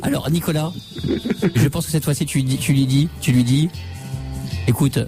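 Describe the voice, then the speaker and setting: A male radio host with a fairly high voice, talking fast and teasing callers. Faint music runs under his voice. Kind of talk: prank call radio show.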